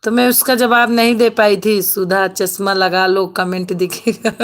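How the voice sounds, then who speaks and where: A woman's voice: mid-range voice, fairly even intonation, measured pace. A woman hosting a casual live stream on her phone, greeting viewers by name and laughing often. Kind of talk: casual live-stream chat reading comments.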